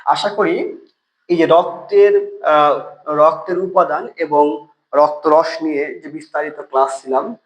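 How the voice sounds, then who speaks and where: A man with a Bangladeshi Bengali accent teaching a biology lesson, asking questions and answering them himself and spelling out terms slowly syllable by syllable. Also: fairly high pitch, fairly even intonation, poor audio. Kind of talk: online classroom lesson.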